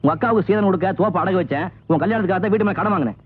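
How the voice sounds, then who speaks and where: An actor playing a debt-laden village landowner and older brother, talking quickly and sardonically, quick to anger with his sisters. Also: high-pitched, slightly rough. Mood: defensive. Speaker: film actor. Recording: tinny lo-fi film soundtrack with music.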